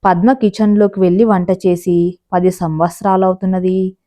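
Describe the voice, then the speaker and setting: A woman narrating a family drama story in a plain, steady storytelling manner. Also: lowish voice, moderate pace.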